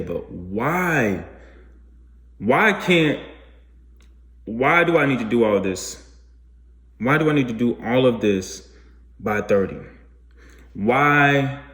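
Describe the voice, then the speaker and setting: In an echoey recording, a medium-pitched man in his 20s thinks out loud about the choices he's made in life. As a vlogger, he drifts through a loose, self-doubting reflection, often breaking off and beginning his sentences again.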